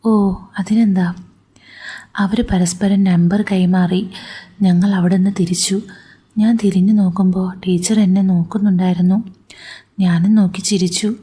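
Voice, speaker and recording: A woman narrating a first-person story in a soft, intimate storytelling manner. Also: lowish voice, level tone, normal speed, slightly rough.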